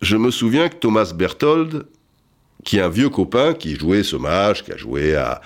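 Lively low-voiced male comic storyteller. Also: measured pace. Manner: rambling, self-mocking, full of asides and restarts.

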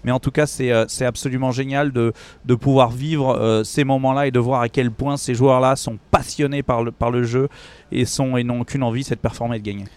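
A male golf pundit with a clean, smooth voice gives his analysis conversationally. He is opinionated and often stumbles into repeated words while forming a thought. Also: mid-range voice, fairly even intonation, brisk, a little mellow. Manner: opinionated, with stammered repetitions.

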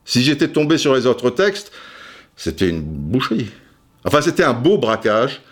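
A man's voice: medium pitch, sing-song, moderate pace. A man hosting a podcast, telling a self-mocking story and acting out voices and sounds. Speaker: podcast host. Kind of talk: casual storytelling monologue.

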